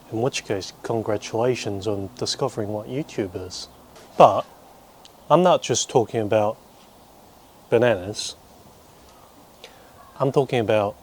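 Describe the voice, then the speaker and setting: Speaking low, a young Korean-born vlogger and teacher, who moved from South Korea to New Zealand as a preteen, delivers a rambling, casual monologue to the camera. His humour is dry and wry, punctuated by deliberate pauses, and a little hiss or hum sits in the recording.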